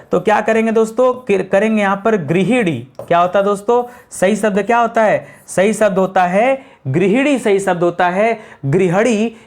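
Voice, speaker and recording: A man teaching Hindi spelling in an online exam-prep lecture, asking the class questions and answering them himself, slowing down to spell words out letter by letter. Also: sits high. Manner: drills students with repeated questions and answers.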